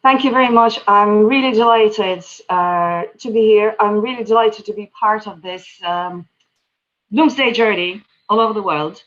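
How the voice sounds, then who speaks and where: A woman's voice: mid-range voice, moderate pace, dull audio. A woman greeting and thanking people graciously over a video call. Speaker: guest reader and singer.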